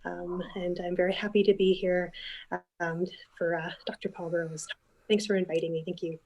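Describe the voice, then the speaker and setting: A woman's voice: fairly low pitch, flat delivery, moderate pace, a little mellow, highs cut off. Woman with a frog in her throat. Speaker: city historian. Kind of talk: casual video-call introduction. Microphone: video call.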